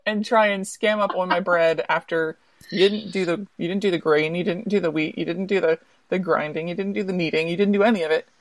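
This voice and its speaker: Storybook hen, woman storyteller: hardworking, indignant, scolds with exasperation. Lower voice. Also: steady tone, fairly quick, no echo, close to an everyday voice, poor audio. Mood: exasperated. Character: fed-up little red hen, hardworking, indignant.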